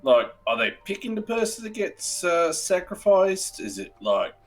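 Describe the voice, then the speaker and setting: A skeptical man playing a tabletop game, chatting in slangy, halting bursts. His pitch swings widely while the pace stays slow, with faint music underneath. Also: very animated. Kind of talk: casual in-game banter.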